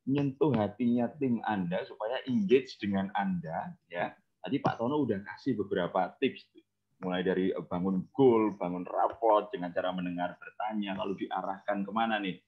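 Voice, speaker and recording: A man's voice: low-pitched, moderate pace. A man hosting an online talk, chatty and always checking for agreement with his guest. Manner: chatty, keeps seeking agreement with tag questions. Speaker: webinar host and moderator. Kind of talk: online talk-show moderating. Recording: muffled lo-fi audio.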